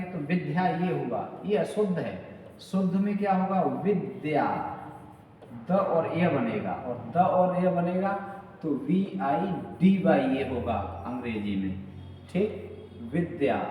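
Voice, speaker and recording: A man's voice: on the high side, darkish tone, slight background noise. Male teacher with an echoey, distant voice. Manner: explanatory, asks questions and answers them himself. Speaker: Hindi literature teacher. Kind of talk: exam-prep lecture. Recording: echoey room, voice far from the mic.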